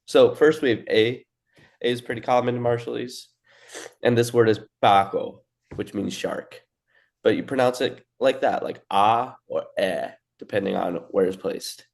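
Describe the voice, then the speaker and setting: Young male co-host, gravelly, easygoing lesson delivery. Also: mid-range voice, normal speed. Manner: relaxed, explains with fillers and restarts. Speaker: language teacher. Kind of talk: casual lesson.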